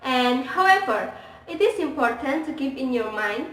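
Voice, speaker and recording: A young woman gives a university class presentation in plain, earnest sentences. Her voice sits high. She is picked up from a distance in a reverberant room, with faint noise underneath. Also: animated, moderate pace. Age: young adult. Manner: earnest, simple phrasing. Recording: echoey room from far off, faint background noise.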